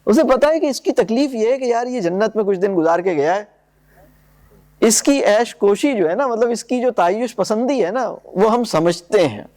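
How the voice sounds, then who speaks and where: A man with a high-pitched voice lectures on poetry. He explains eagerly, then slows down to recite verses with care. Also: expressive, darkish tone.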